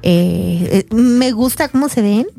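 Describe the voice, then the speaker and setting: A northern Mexican woman co-hosts casual radio talk in a slightly high voice. She is conversational and teasing, with light music behind her. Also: slow, vocal fry, warm tone. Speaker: radio co-host. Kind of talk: casual chat and anecdote.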